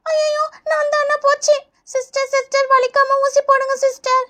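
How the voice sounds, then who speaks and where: A woman voicing a frightened young schoolgirl who pleads in a high voice, in a doll play. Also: monotone, moderate pace, bright, forceful tone. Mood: pleading.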